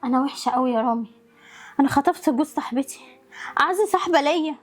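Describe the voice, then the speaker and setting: An actress voicing a meek, guilt-ridden young woman in a comedy sketch, talking softly and apologetically with an Egyptian Arabic accent. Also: sits high, quick pace, soft background music, natural voice. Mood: guilty, meek. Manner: soft and apologetic.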